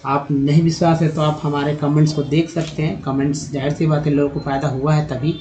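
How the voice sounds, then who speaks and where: A man's voice: on the high side, little pitch movement, fairly quick, mellow, low-quality recording. A man with a Hindi accent teaching English reading online, reading word lists aloud one word at a time with short pronunciation notes. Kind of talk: online phonics lesson.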